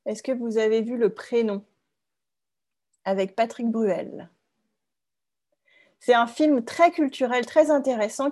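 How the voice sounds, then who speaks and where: A woman teaching French in an online lesson, speaking clearly and slowly, often checking in with her students. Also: fairly high pitch, a little mellow. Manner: clear, slow, checks with "d'accord?".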